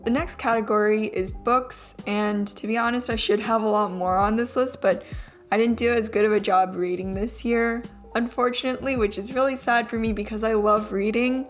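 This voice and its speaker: A woman's voice: fairly high pitch, fairly even intonation, normal speed. Young woman who struggles with her R's. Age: young adult. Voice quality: trouble pronouncing R sounds. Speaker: vlogger. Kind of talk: casual voice-over narration. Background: background music.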